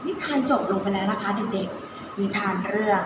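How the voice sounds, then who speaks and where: A kindergarten teacher tells a children's story with expression, drawing out key words for her young audience. Her voice is medium in pitch and moves at a normal speed. The room echoes, with faint noise behind her.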